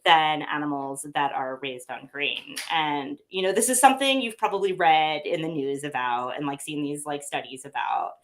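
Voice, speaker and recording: A deep-voiced, animated woman speaks at a moderate pace with few pauses and a fairly bright tone. Representing a pet food company in a casual interview, she chats about how it sources meat, slightly sniffly and full of fillers and restarts.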